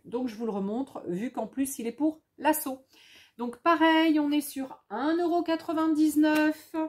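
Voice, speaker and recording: High-pitched woman, slow and chatty, craft haul vlog, thinks out loud. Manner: chatty, thinks aloud, repeats words, reads English labels slowly. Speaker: scrapbooking vlogger. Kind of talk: casual haul chat, showing products.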